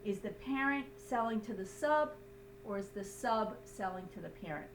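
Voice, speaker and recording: An accounting instructor walks through a lesson step by step, emphatic and didactic, often checking whether listeners understand. Her medium-pitched voice is expressive and moves at a normal speed. The recording is roomy, with a distant mic and a faint hum.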